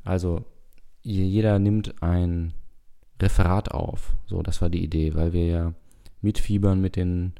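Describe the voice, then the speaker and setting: A man hosting a casual radio podcast in a rambling monologue, with a gravelly smoker's rasp, sounding a bit tired. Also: deep voice, steady tone, unhurried, mellow. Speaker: podcast and radio show host.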